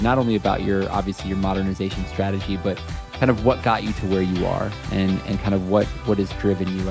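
A man's voice: deep voice, gravelly. A man hosting a podcast, thanking his guest appreciatively, with a few stammered restarts. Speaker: podcast host. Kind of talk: podcast interview.

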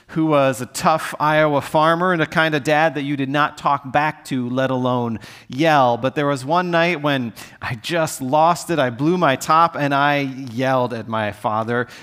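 A middle-aged man preaching a sermon as a pastor, talking in a conversational, earnest way and dropping to soft, pleading tones when he reads the scripture aloud. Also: medium pitch, smooth.

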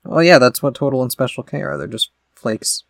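A man's voice: medium pitch, a little fast, vocal fry, dry recording. A man co-hosting a podcast in casual chat, rambling through explanations with many fillers. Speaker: podcast co-host.

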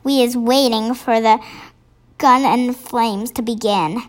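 Girl reading as a nice storybook giant, high voice, earnest, funny grammar. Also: fairly even intonation, slow. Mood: cautious. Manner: hushed, earnest, ungrammatical. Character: gentle friendly male giant with muddled grammar.

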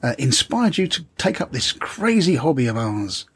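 Husky British man, chummy interviewer. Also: medium pitch, sing-song, moderate pace, fairly bright tone. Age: middle-aged. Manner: chummy, rambling. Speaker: interviewer, host. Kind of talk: casual chat, interviewing.

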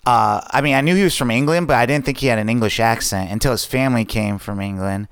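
A man's voice: medium pitch, fast, a bit bright, clear, resonant tone, dry recording. Rambling man with a dry close sound. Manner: rambling, laughs easily. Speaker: podcast co-host. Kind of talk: casual chat.

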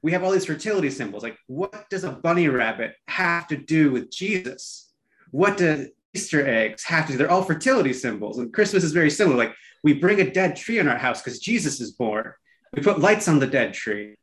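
A man's voice: a little high, sing-song, a little fast, a bit bright. A man co-hosting a talk show, explaining in a casual, wry and irreverent conversational way. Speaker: co-host.

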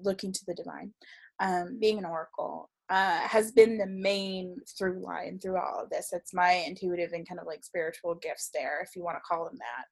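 A woman telling stories in casual conversation, chatty and animated, laughing often and full of fillers. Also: on the low side, moderate pace, gravelly, breathy edge. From South Florida region of the United States. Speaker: podcast guest, tarot reader.

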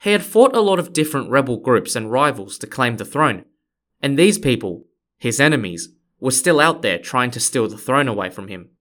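A man's voice: mid-range voice, big pitch swings, moderate pace, a bit bright. A man hosting a history podcast, reading scripted narration with playful, conversational asides to his listeners.

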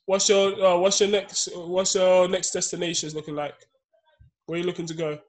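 A man with a London roadman accent leads an informal group chat. His voice sits a little high for a man. He speaks in easy street slang, nudging the others along. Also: flat delivery, moderate pace. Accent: London, urban street slang. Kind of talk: casual podcast group chat.

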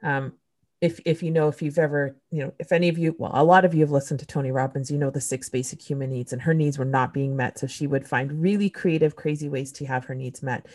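Low-voiced woman telling a candid story. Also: fairly even intonation, quick pace, darkish tone. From Canada. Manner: candid, emotional storytelling with blunt swearing. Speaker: podcast host. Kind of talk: casual conversation.

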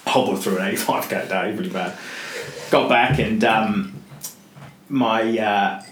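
A man telling a story as a podcast guest, animated and full of restarts and repeated words. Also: lowish voice, a little slow. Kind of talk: casual storytelling in conversation. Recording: roomy with faint hiss.

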